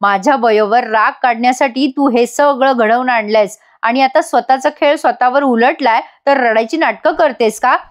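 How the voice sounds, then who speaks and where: A woman's voice: on the high side, moderate pace, hardly any pauses, lightly acted. A woman voicing an outspoken woman who lectures and scolds her sister-in-law, as a dramatic reading of serial dialogue. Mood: scolding. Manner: reproachful, lecturing.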